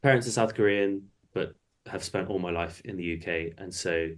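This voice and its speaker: A man from the UK co-hosting a podcast, talking in a thoughtful, measured way. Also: low voice. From United Kingdom. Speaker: podcast co-host. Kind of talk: casual chat.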